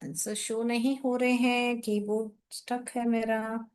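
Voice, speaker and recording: A woman teacher giving a lesson, patiently explaining and slowly reading example sentences aloud to her students. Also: fairly high pitch, little pitch movement, a little mellow. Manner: addresses students fondly as children. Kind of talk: classroom lesson, explaining in Hindi with English examples.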